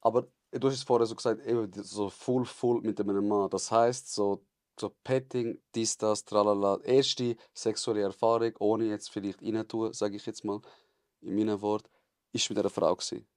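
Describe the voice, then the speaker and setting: A man's voice: on the low side, steady tone, moderate pace, no room sound, clean studio sound. A man with a Swiss German accent hosting a casual podcast, asking curious, probing questions. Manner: curious, asks probing questions, quiet backchannels. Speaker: podcast host. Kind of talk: casual interview chat.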